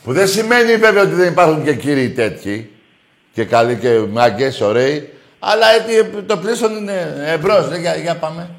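A man hosting a call-in radio show, blunt and crude, going from low grumbling to loud mocking rants. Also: big pitch swings.

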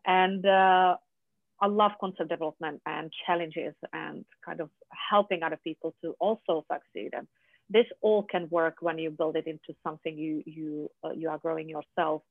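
A guest from Czechia with a Czech accent and Czech as a first language, speaking in a halting way with many fillers and restarts in a conversational interview. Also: mid-range voice, fairly even intonation, vocal fry, dry recording. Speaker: podcast guest, business founder. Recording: dry, tinny phone line.

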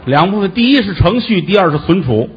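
A man performing as the lead comedian in live crosstalk comedy, boasting absurd things in a deadpan way. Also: sits high, lo-fi sound. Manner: deadpan absurd boasting, quick-fire delivery.

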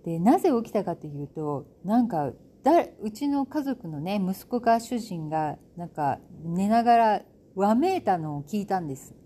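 A woman's voice: mid-range voice, lively intonation, moderate pace, few pauses, mellow. A middle-aged woman hosting a casual solo talk, chatty and self-amused, with lots of fillers. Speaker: podcast host. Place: home in Bali.

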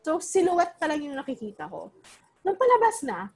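Animated young woman telling a story. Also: sits high, normal speed. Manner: animated, Taglish code-switching, many fillers. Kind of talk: casual storytelling.

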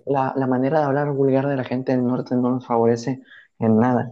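A man's voice: mid-range voice, monotone, moderate pace. A young man with a Mexican accent chatting casually, opinionated and blunt, with a slangy way of talking. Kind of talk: casual chat. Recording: dull, muffled sound.

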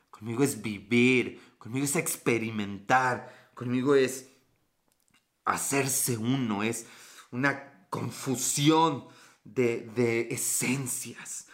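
Fairly high-pitched, bright and forceful, a man with a Mexican Spanish accent hosts a livestream podcast. He reads out viewer comments and banters back in a casual, profane, teasing and flirty way.

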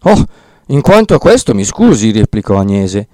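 A man's voice: lowish voice, big pitch swings, normal speed, a little mellow, dry recording. A man voicing a plain-spoken older peasant woman who insistently corrects the priest in an audiobook reading.

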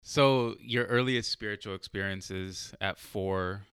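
A man's voice: on the low side, takes it slowly, fairly bright tone, clean tone, dry recording. A man hosting a podcast, asking long, reflective questions with lots of "like" and restarts. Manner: reflective, rambling questions full of "like". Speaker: podcast host. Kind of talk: casual podcast interview.

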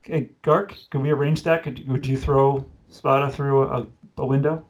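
A man's voice: medium pitch, level tone, normal speed. A man hosting a podcast in casual chat, joking and rambling with side notes. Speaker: podcast host.

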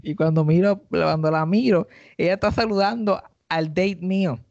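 A Puerto Rican man tells a comic story on a podcast, slipping into others' voices as he goes. His voice is gravelly and pitched a bit high. The sound is dry and a little dull. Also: moderate pace, no room sound. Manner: animated, acts out quoted people in high voices. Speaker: podcast host and stand-up comedian.

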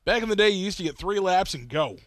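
A man co-hosting a casual racing podcast, an animated storyteller who acts out quotes. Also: high voice, fast talker, no room sound. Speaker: podcast co-host. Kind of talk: casual chat.

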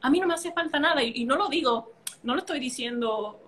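This woman sounds high, animated and a little fast, with a slightly bright tone. In a casual podcast chat, the Caribbean islander tells an emotional, vivid story from her own life, padding the pauses with playful noises.

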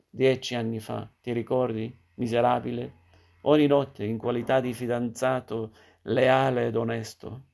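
A man's voice: mid-range voice, creaky, a little mellow. A man reading the lines of a bitter, vengeful father in a story. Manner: bitter, accusing. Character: vengeful father of a wronged woman.

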